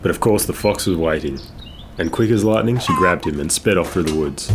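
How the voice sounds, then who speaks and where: A man reading a children's storybook aloud in a measured, expressive way. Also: low-pitched, noisy background. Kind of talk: scripted storybook narration. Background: guitar music.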